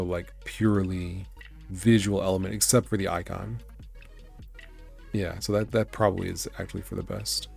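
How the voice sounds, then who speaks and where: Still raspy as he recovers from being sick, a young man sitting low chats casually on a live stream while working on his game. He's laid-back, rambling and thinking aloud, with faint background music and keyboard typing behind him.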